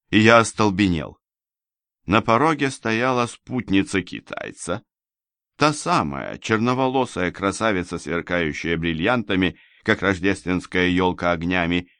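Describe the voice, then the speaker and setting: A man reading a first-person novel aloud as an audiobook narrator, measured and dramatic. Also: deep voice, a bit bright, no echo, studio quality.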